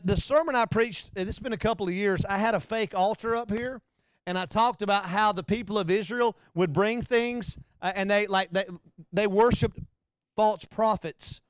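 A man preaching a conversational sermon, animated and joking, sometimes acting out bits in a low hushed voice. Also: clean tone, no room sound. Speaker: pastor.

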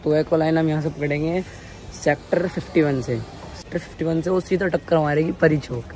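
A man's voice: a little high, fairly even intonation, a little fast. A young man hosting a casual vlog, chatting and teasing friends, filmed on a phone held at arm's length. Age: young adult. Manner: chatty, teasing, loud bursts. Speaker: vlogger. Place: home rooftop and streets, outdoors and indoors.

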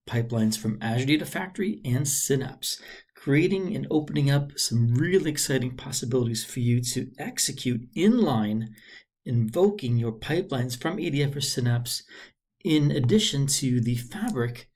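A man presenting a software feature in a screencast walkthrough, upbeat and informal with the odd filler. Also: mid-range voice. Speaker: product demo presenter. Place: voice-over on screen recording.

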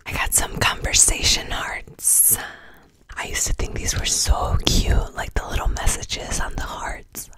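Slow whispering young woman. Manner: soft whispering while chewing, frank and joking. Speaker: ASMR creator. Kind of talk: whispered ASMR candy tasting.

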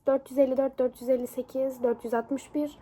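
Brief: young woman, high bright voice, lively exclaiming book vlogger, faint room noise. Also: brisk. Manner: animated, exclaiming, laughing often. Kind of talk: casual reading vlog.

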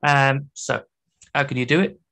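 A man's voice: mid-range voice, moderate pace, vocal fry, pushed and bright. A man with a British accent giving a chatty, enthusiastic conference talk on programming, with joking asides. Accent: British English. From Britain. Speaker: conference speaker.

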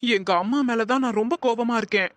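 A woman voicing a remorseful young husband in an animated cartoon, talking in an earnest, pleading way. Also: a little high, fairly quick, no echo, lightly acted.

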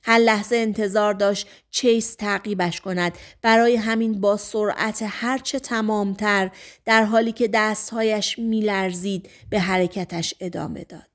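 A woman narrating an audiobook in a scripted, dramatic reading. Her voice sits at a mid pitch. She drops almost to a whisper at tense moments. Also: steady tone.

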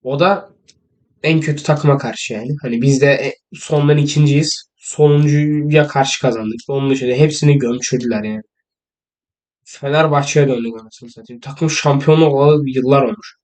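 A man's voice: mid-range voice, steady tone, moderate pace, darkish tone. A teenage boy chatting casually to camera in a joking, teasing, rambling way. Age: teens. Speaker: vlogger.

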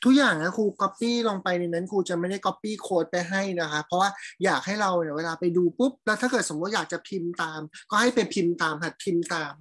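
A woman's voice: lowish voice, fast talker, few pauses, a bit bright. A woman teacher giving a live programming lesson, chatting and thinking aloud as she demonstrates code and checks that her student is keeping up. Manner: speaks to a student by name, checks understanding.

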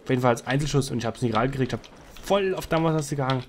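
A man giving excitable live commentary over his own gameplay into a headset microphone, calling out wins and losses. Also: medium pitch, very fast, a little hiss or hum. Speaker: gaming commentator.

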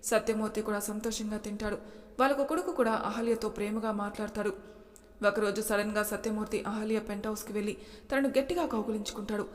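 Even-voiced woman narrating a story. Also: mid-range voice, fast. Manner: steady, matter-of-fact reading. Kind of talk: audiobook narration. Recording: long reverb.

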